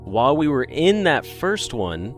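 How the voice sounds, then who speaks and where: A man's voice: medium pitch, big pitch swings, unhurried, faint music behind. A man from the American South with no regional accent, chatting casually and jokingly as a gaming streamer. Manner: rambling, joking. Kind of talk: casual chat.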